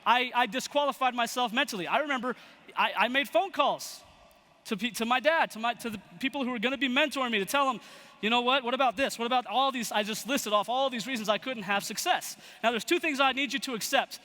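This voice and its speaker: A young man giving a motivational talk to a live audience, telling a story with lively acted-out quotes. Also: very high voice, quick pace. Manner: animated storyteller acting out quoted voices. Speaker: motivational speaker. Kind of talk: storytelling keynote speech. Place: large event hall. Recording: long hall reverb.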